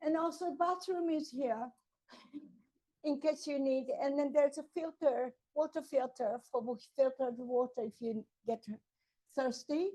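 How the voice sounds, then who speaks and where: A woman organizer making gentle, hesitant announcements at an event. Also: high-pitched, unhurried, rough recording. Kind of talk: announcements and introductions.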